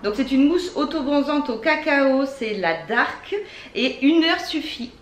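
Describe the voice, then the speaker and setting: A beauty vlogger with a French accent, an adult with children, enthusiastically chats through a product haul, using lots of fillers. Her high voice is expressive and unhurried, heard in an echoey room with faint ambient noise.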